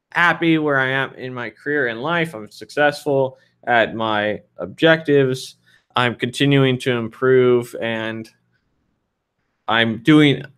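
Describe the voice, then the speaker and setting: A man's voice: mid-range voice, a bit bright. A man in his thirties answering viewer questions in a loose, frank, rambling way with lots of fillers. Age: 30s. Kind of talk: casual livestream Q&A.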